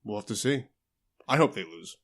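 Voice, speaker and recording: A man with a lowish voice co-hosts a casual sports chat. He answers in a measured way and deflects the jabs from his friends dryly. The conversation stays relaxed throughout. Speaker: co-host.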